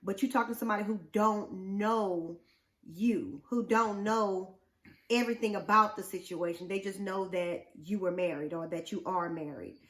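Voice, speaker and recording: A woman's voice: medium pitch, moderate pace. A woman co-hosting a casual relationship talk show, speaking bluntly and animatedly with many rhetorical questions. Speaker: podcast co-host. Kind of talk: casual chat.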